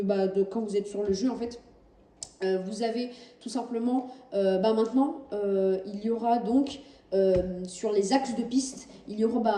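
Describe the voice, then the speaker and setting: Woman chatting over game footage, lots of ums and restarts, deep mellow voice, echoey room a bit far from the mic. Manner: hesitant, many fillers and self-corrections. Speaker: gaming channel host. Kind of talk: casual game commentary. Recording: roomy, distant mic, faint background noise.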